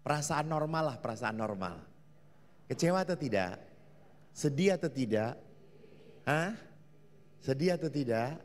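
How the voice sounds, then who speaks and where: Animated priest in an echoing hall. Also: male voice, mid-range voice, unhurried, long pauses. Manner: animated, quizzing the audience. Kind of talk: humorous sermon at a family seminar. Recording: long hall reverb.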